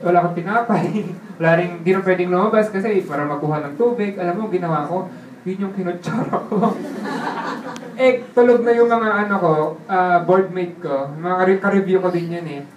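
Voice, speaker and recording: A man telling his life story in a casual way, laughing often and checking in with the listener through quick tag questions. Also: high-pitched, a little hiss or hum. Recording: roomy sound from a distant mic with faint ambience.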